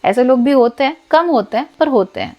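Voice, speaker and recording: A woman's voice: sits high, expressive, a little fast, darkish tone. A woman with an Indian accent giving direct advice to camera, firm and instructive, repeating her key points. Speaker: life advice host.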